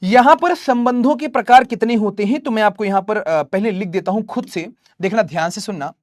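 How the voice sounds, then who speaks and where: Young up-math teacher bantering w/ chat, dry close sound. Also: male voice, sits high, fairly quick, no room sound. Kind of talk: live online class with chat.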